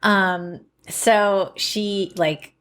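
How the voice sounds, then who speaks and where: A woman's voice: mid-range voice, steady tone, extremely slow, a bit bright. A woman co-hosting a podcast, chatting casually and animatedly with laughs and quoted asides. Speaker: podcast co-host. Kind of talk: casual chat.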